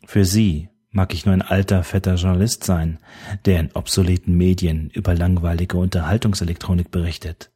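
Man playing a tired old journalist, very deep, dark, husky, dry and measured. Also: little pitch movement. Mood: cutting. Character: weary, dry older male journalist. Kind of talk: audiobook character voice.

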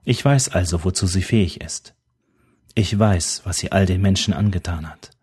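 A man's voice: low voice, normal speed, a little mellow, slightly rough. A man reading an audiobook who voices a cheeky, brash young woman with mocking sass. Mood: sad. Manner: mocking, gum-chewing sass. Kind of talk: audiobook character voice.

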